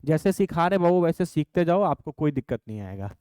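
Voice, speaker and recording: A man teaching a chemistry class, dictating definitions slowly and calling his students "babu". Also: fairly high pitch, big pitch swings, darkish tone, smooth, dry recording.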